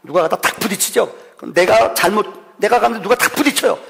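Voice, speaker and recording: A middle-aged male pastor giving a Thanksgiving sermon, telling stories with sudden loud and soft swings and acting out quoted voices. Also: high-pitched, quick pace, vocal fry, a little hiss or hum. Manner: acts out quoted voices of his son. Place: church sanctuary. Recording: long hall reverb.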